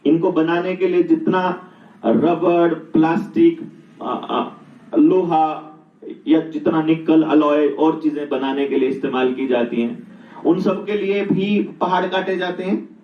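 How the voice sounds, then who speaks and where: A man's voice: on the high side, fairly even intonation, slow. A middle-aged man giving a reflective talk, telling stories and asking rhetorical questions. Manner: storytelling, asks rhetorical questions. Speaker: speaker on natural living. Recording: roomy, distant, dull sound.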